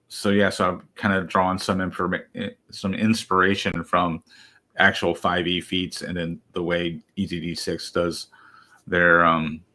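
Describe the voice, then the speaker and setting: A man in his thirties co-hosting a casual podcast chat, talking haltingly with many fillers. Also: low-pitched, pushed and bright. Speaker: podcast co-host.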